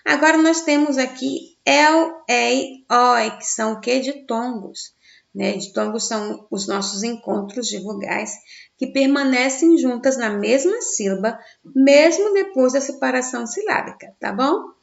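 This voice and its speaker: A woman teacher giving a recorded grammar lesson for children in Brazilian Portuguese, sounding out stressed syllables slowly and answering her own questions. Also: high-pitched, gravelly. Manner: slow, stressed syllables when sounding out words; asks the class questions and answers them herself. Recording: dull, echoey room.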